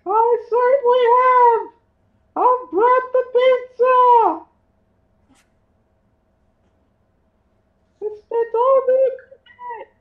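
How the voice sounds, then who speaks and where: A woman voicing an eager, fawning male chef character in a tabletop game, speaking high and excited. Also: takes it slowly. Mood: ecstatic. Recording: tinny phone line.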